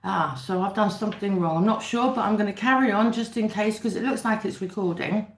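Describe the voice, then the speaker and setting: In a mid-range voice and at a fairly quick pace, a woman chats casually to livestream viewers over her dinner, mukbang-style. She speaks with a British accent, and the room is echoey.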